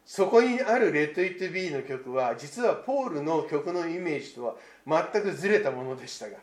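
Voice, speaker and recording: Male pastor, fairly high voice, slow reflective sermon, echo of a church hall. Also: expressive. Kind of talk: Christmas sermon.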